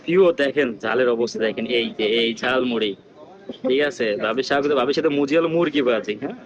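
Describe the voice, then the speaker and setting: A man vlogging with a rural Bangladeshi Bengali accent, keeping his voice low and hushed as he talks to viewers during an eating challenge in a village. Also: fast, highs cut off. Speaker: vlogger host. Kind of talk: casual vlog commentary. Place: village house outdoors.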